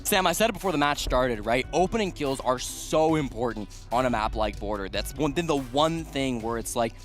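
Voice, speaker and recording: A man's voice: mid-range voice, animated, normal speed. A man giving live esports commentary and analysis, emphatic and repeating key phrases for weight. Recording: music bed behind the voice. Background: music.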